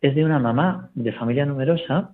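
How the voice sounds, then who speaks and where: Priest, radio guest by phone line, mid-pitched, storytelling, leans on "¿no?". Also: male voice, fairly quick. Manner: storytelling, constant tag question "¿no?". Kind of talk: reflective spiritual talk on radio.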